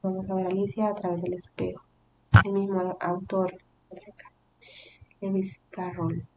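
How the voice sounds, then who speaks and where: A woman's voice: medium pitch, flat delivery, unhurried, a little hiss or hum. A woman teacher giving a recorded language lesson, explaining step by step and restating terms in simpler words. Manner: reads example sentences with acted intonation.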